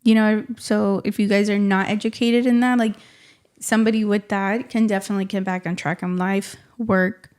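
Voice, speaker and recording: Mellow-voiced woman chatting casually. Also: medium pitch, moderate pace, clean tone. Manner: animated, conversational, often adds "you know what I mean" and "man". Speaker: podcast co-host. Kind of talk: casual chat.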